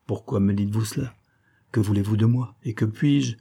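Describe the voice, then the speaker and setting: A man's voice: on the low side, mellow, husky. A man voicing a grave, questioning investigator. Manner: measured, questioning. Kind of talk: audiobook reading.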